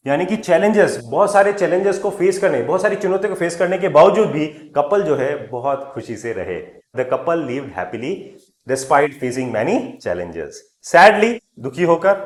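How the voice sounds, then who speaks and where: A male English teacher with a lively, swooping delivery, punching each new word loudly before his voice drops away. He reads example sentences slowly and carefully, then explains them at an easy pace. The recording is roomy, with a clear echo around his voice. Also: a little high. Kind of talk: spoken English lesson explaining words in Hindi.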